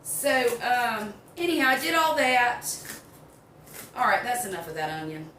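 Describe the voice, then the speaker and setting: Older woman, Southern US accent, high voice, folksy rambling kitchen chat, distant roomy mic. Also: unhurried, pushed and bright, slight background noise. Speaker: home cooking vlogger. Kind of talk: casual chatty cooking demonstration. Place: home kitchen.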